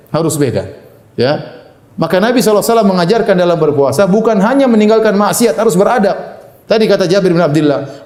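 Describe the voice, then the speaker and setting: A man's voice: fairly high pitch, a little mellow. Man, preacher, Ramadan sermon, Arabic quotes with translation, humorous asides, roomy echo. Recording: echoey room.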